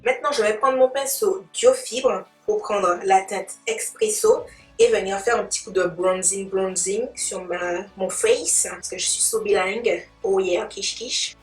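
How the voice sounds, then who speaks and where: A woman gives a casual makeup demonstration, bantering playfully in slang and speaking to viewers as if they're friends. Her voice sits at medium pitch and moves a little slowly. It's recorded on a distant mic in a roomy space, with background music.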